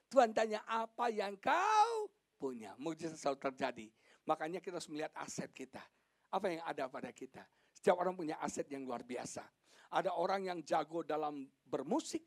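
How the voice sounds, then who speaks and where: A man preaching a sermon as pastor, animated, swinging from loud exclamations to quiet emphasis, with joking asides. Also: a little high, creaky.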